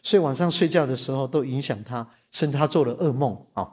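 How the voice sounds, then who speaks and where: A man telling a church story during a sermon. He is animated and tags his sentences with "ha". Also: mid-range voice, fast talker, breathy edge. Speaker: preacher.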